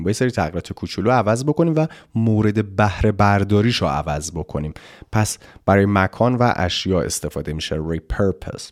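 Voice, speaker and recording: A man teaching an English exam lesson, explaining vocabulary and reading English phrases slowly and deliberately. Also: deep voice, a little mellow, dry recording, clean studio sound. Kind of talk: online language lesson.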